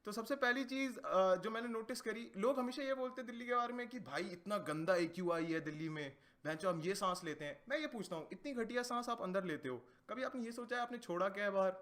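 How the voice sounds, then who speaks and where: A high-pitched man rattles through crude comedy bits. He talks in an animated way and keeps slipping into put-on voices between jokes. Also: fast, hardly any pauses. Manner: crude, animated, slips into impressions. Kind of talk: stand-up style comedy bits.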